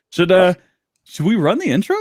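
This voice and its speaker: A male podcast host with a fairly high, lively voice and a laugh that comes up often. The sound is close and dry. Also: breathy edge, no echo. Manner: animated, laughs a lot. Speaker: show host. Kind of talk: casual podcast chat.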